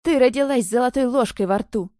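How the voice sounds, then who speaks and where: A woman's voice: a little high, fairly quick, warm tone, no echo, studio quality, lightly acted. A woman reading the lines of a desperate, spiteful young woman who pleads and accuses in an audiobook. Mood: bitter. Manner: pleading then bitter and accusing.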